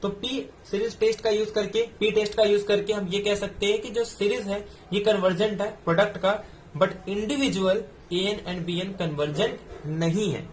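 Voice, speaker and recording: A man's voice: high-pitched, steady tone, a little slow, slight background noise. A man, tutoring math step by step through exam solutions. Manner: explains step by step, mixing in English terms.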